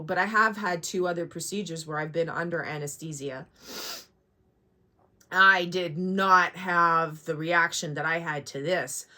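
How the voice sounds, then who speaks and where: A woman's voice: lowish voice, pushed and bright. A woman of forty-nine talking casually to her vlog, candid, sweary and rambling with asides, sounding sore and a little shaken after surgery.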